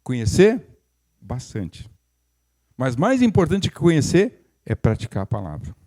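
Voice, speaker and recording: Older preacher, folksy and mellow. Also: male voice, mid-range voice, huge pitch swings, a little slow. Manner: conversational, folksy, with humorous asides and many restarts. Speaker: pastor. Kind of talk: sermon.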